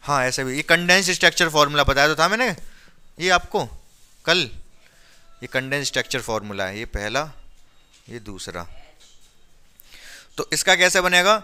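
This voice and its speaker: Guy teaching chemistry in class, really bright clear voice, keeps asking if everyone gets it. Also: fairly high pitch, expressive, moderate pace, pauses often. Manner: questioning, drills students with repeated checks. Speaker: science teacher.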